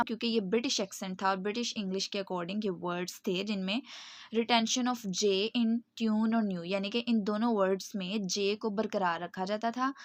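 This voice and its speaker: A woman gives a recorded online lecture. She explains patiently, checks in with her students often, and reads English passages slowly. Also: medium pitch, no echo.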